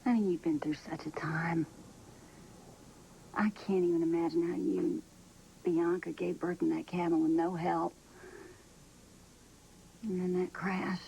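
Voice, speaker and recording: An actress playing a down-to-earth mother who comforts her daughter in a soft, homespun way. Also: on the low side, steady tone, measured pace, gravelly, long pauses, slight background noise, low-quality recording. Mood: soothing. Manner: soothing, homespun, soft-spoken. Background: faint background music.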